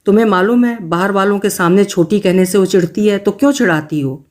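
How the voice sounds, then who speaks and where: A woman's voice: medium pitch, a little fast, a little mellow, lightly acted. A woman reading a stern, scolding mother. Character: stern, quick-tempered middle-aged mother.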